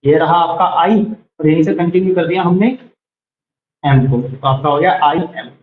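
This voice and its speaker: A young man teaching a beginners' shorthand class, patiently repeating each word slowly and checking whether anyone has doubts. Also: fairly high pitch, a little hiss or hum. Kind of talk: classroom lesson. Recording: roomy, dull lo-fi sound.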